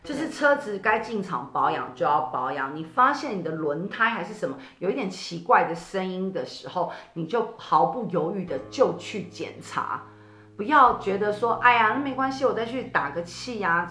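Woman, casual chat, animated, echoey room. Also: medium pitch, normal speed. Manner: animated, laughs often, coaxing listeners. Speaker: co-host. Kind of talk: casual chat about zodiac fortunes. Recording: echoey room with faint music.

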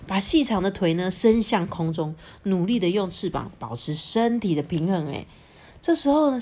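Mom doing storytime, super bouncy voice, keeps asking her kid stuff. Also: mid-range voice. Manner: lively, warm storytelling with questions to the child. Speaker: mother reading to her child. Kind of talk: picture-book read-aloud.

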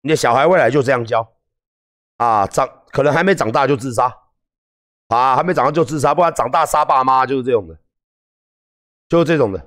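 A Taiwanese man with a Taiwanese Mandarin accent ranting on a livestream, profane and heated, swinging between calm lecturing and yelling. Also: medium pitch, a little fast, long pauses. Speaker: livestream host. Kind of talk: livestream rant.

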